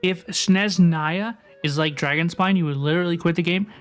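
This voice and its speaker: Chatty excitable young woman streamer. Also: lowish voice, normal speed, smooth, faint music behind. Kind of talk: casual game-stream chat.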